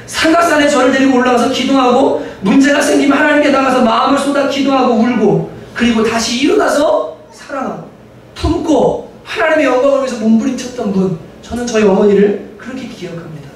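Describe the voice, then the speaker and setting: A man preaching a Sunday sermon, emphatic and often turning straight to the congregation, his voice swelling to shouts on key points. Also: very high-pitched, brisk, a little hiss or hum. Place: church sanctuary. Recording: very echoey church hall from far off.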